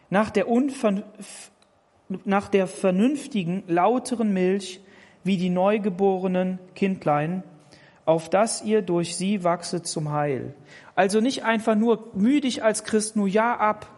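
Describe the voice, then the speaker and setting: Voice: mid-range voice, darkish tone. A preacher giving a sermon, speaking directly to each listener and repeating words to drive points home. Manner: emphatic, repeats words when pressing a point. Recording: long hall reverb.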